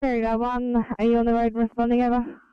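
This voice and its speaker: A woman speaking as an emergency radio operator in brisk, procedural ambulance radio style. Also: fairly high pitch, monotone, clean tone, no room sound. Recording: muffled, band-limited two-way radio.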